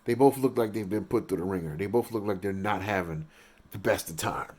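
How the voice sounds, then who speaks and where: A man giving casual, rambling commentary on a TV episode, halting and restarting his sentences and getting excited at big moments. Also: fairly low pitch, husky. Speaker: reaction video host.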